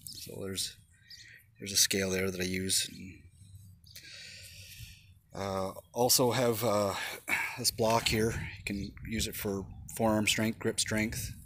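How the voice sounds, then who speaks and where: Outdoors on a handheld phone camera, a man vlogs a casual show-and-tell of his homemade backyard gym equipment. His voice is on the low side and fairly bright, with little pitch movement, a slow pace, and long pauses. He rambles with many fillers and swears occasionally when straining.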